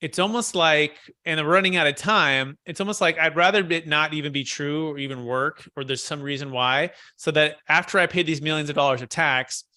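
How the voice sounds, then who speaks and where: A man hosts a casual webinar over a video call, talking earnestly and often restarting his sentences. His voice is bright, forceful and a little high. The sound is close and dry. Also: fairly quick, hardly any pauses, dry recording. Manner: earnest, thinks aloud with restarts. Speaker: host of a commercial real estate mastermind call.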